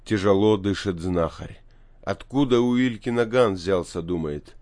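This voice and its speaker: A man with a fairly low voice reads a story aloud in steady, even narration. The recording is dry and close, with no room sound. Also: unhurried, no room sound. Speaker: audiobook narrator. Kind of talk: scripted narration.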